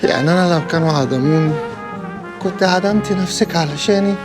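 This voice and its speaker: An actor playing an excitable, jealous Egyptian man who teases and flares up quickly, in a TV comedy-drama, with a music score behind. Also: on the high side, natural voice. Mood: mocking. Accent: Egyptian Arabic. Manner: teasing, mocking, quick to flare up. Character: excitable, jealous man just cleared of a charge. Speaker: freed defendant.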